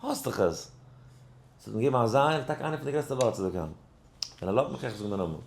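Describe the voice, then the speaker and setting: A rabbi giving a Torah class, telling a story and acting out its dialogue, halting with many restarts and mixing in English words. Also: male voice, vocal fry, roomy sound, a little hiss or hum. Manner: animated, acts out dialogue in the story with sudden high pitch jumps; mixes English words into Yiddish speech.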